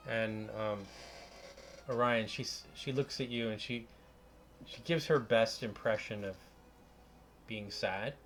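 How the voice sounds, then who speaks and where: A man acting as game master, casually narrating a tabletop game in a halting way as he searches for words. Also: lowish voice, fairly bright tone, a little hiss or hum.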